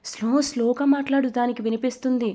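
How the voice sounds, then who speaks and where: A woman voicing a flustered young woman in a storybook romance, talking in a sharp, exasperated scolding way. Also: a little high, fairly even intonation, fast, close to an everyday voice. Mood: panicky.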